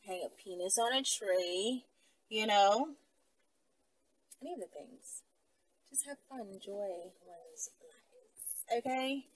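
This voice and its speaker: A woman of medium pitch talks slowly with long pauses, hosting a casual, rambling monologue that gives instructions to her followers in a bossy, playful, slangy way. The low-quality recording has no echo and a distant mic.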